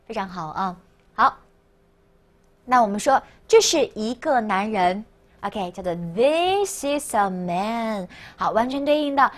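A woman teaching a language lesson, often slowing down to repeat words for learners to copy. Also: on the high side. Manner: slow, exaggerated repetition of words for learners. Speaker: French teacher.

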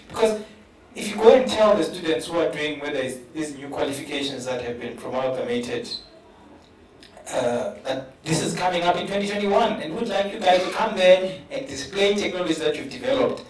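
A man with a South African English accent speaking earnestly on a conference panel, often repeating words as he builds a point. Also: on the high side. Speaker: panelist, professor. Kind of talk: panel discussion. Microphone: handheld mic. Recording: roomy hall from a distance.

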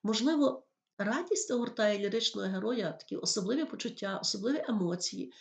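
A woman's voice: medium pitch, animated, fairly quick, creaky. A woman teacher giving a school lesson on poetry, explaining patiently and reading verse lines aloud. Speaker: literature teacher.

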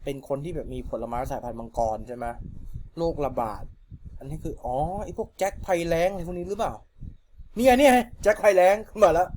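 Young male fan fiction reader, slightly higher pitch, casual and chatty, breaks off to muse over word choices. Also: warm tone. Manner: chatty, stops often to question wording. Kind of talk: reading a novel aloud with asides.

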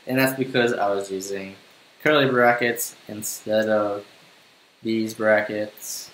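A young man talks through a coding screencast, relaxed and thinking aloud as he types. His voice sits low. The room sounds roomy, and a faint hiss runs underneath. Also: slow. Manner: casual, thinking aloud while typing. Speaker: coding tutor.

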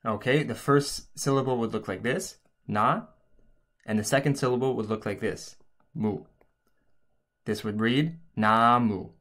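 A man's voice: medium pitch, fairly quick, hardly any pauses. A man narrating an instructional language lesson as a teacher, explaining things step by step.

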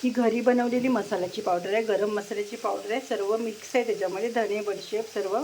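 A home cook with a medium-pitched, steady, quick voice walks through a recipe step by step in her kitchen, chatting to her parrot in between. Loud kitchen noise fills the recording: a sizzling pan and clattering pots.

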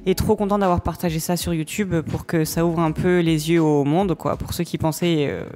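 A woman's voice: fairly low pitch, fairly even intonation, normal speed, warm tone. A young woman chatting casually and colloquially with her partner. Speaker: co-host of a couple's channel. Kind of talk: casual chat.

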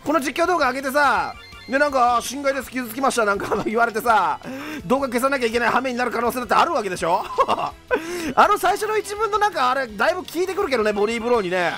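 High-voiced, lively young gamer man. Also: fast talker, faint music behind. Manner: rough-talking, exasperated ranting with frequent laughter. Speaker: game commentator. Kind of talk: let's play commentary.

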